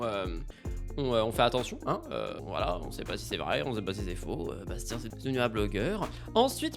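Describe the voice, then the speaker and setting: A man's voice: high voice, fairly bright tone. Chatty theatrical man hosting a live stream. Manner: chatty and theatrical, mock outrage, many fillers. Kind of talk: casual live-stream chat about celebrity gossip.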